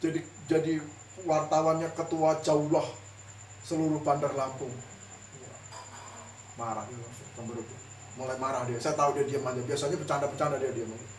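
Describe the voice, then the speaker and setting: A man's voice: a little high, fairly even intonation, moderate pace. A male pastor giving a casual, chatty sermon, telling stories with laughing asides. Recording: echoey room, distant mic, faint noise.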